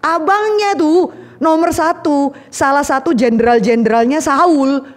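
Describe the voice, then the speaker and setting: Lively woman preaching a sermon. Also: high voice, unhurried, in a large hall. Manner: lively storytelling, acting out the voices of the characters; casual slang mixed into preaching.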